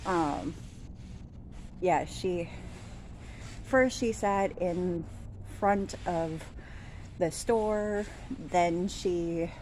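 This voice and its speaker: This walk-and-talk vlogger, a woman in her thirties, has a darkish voice on the low side, drawing out words with long pauses, and the recording is rough. Rambling casually with fillers and restarts, she's outdoors by a store in daytime, filming on an arm's-length phone amid traffic noise.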